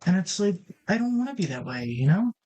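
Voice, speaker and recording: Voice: mid-range voice, very animated, fairly quick, mellow, poor audio. A gaming channel host giving casual gameplay commentary, rambling and correcting himself as he thinks aloud at a desk mic.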